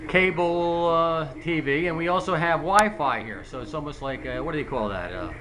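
A man's voice: a little high, moderate pace, a crowd in the background, rough recording. A man filming a casual walkaround vlog on a handheld camera, talking with lots of fillers and restarts. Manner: hesitant, many fillers and restarts. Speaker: vlogger filming a local diner.

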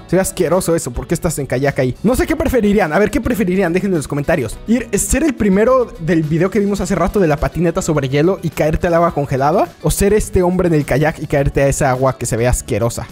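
A Mexican man talks through short clips in a loose, chatty way, his pitch leaping up and down as he reacts. He laughs often and bursts into quick exclamations. A bit of music sits faintly behind his voice. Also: animated, a little mellow. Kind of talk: casual reaction commentary. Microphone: desk microphone.

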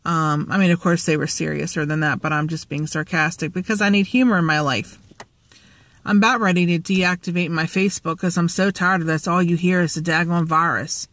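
A lowish, steady, slightly bright voice comes through fairly quickly with no echo. The speaker is a woman vlogger in a parked car, phone at arm's length, chatting casually in a rambling, jokey way full of fillers.

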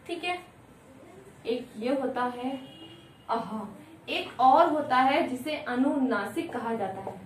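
A woman with a high voice teaches a classroom grammar lesson to children, asking questions and answering them herself. She is recorded from a distance in an echoey room, with faint noise behind her. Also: fairly bright tone.

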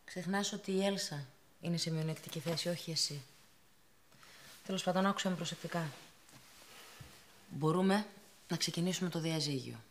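An actress playing a calm woman who talks a man through a plan about his divorce. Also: fairly low pitch, long pauses, slight background noise, natural voice. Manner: calm, persuasive. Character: calm scheming woman advising a friend. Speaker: actor in a TV comedy series. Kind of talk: sitcom acting.

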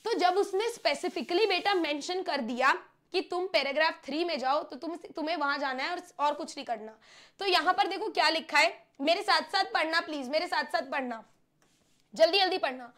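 A woman's voice: very high voice, normal speed, fairly bright tone. A young woman teaching an online class, chatty and coaxing, often checking whether students follow. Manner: chatty, coaxing, mixes Hindi with English.

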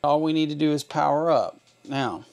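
The host of an electronics hobby channel talks at a normal speed in a fairly high, slightly mellow voice with vocal fry. He casually demonstrates by hand, explaining as he goes and often answering questions he puts to himself.

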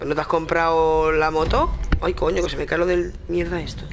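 Game music plays as a young female streamer from Spain chats informally, swearing along the way, while she plays. She talks fairly quickly in a low, level tone, and there's a little hiss or hum in the recording.

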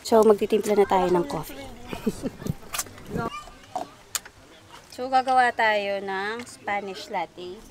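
A young woman outdoors at a campsite, calmly explaining step by step how she makes an iced latte from her cafe. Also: mid-range voice, takes it slowly, pauses often, noisy background. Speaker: cafe owner showing a coffee recipe. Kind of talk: casual demonstration. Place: outdoors under a car awning at a campsite.

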